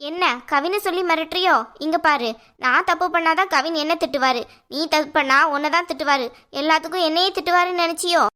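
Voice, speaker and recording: A woman's voice: extremely high pitch, fast talker, bright, forceful tone. A woman voicing a sly, meddling young sister-in-law in a cartoon, taunting sarcastically in a Tirunelveli Tamil accent. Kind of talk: cartoon voice acting.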